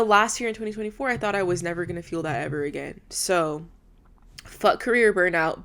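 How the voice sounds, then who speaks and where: Her voice fairly low, a bit bright, and clean, a podcast host in her twenties talks alone from a rented apartment room. She's candid and heartfelt, and she swears freely.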